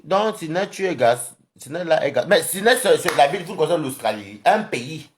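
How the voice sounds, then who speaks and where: Cameroonian-accented live streamer, lively swooping pitch, rambling, combative rant. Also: normal speed. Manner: animated, rambling, confrontational, addresses viewers directly. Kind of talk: casual social media live rant.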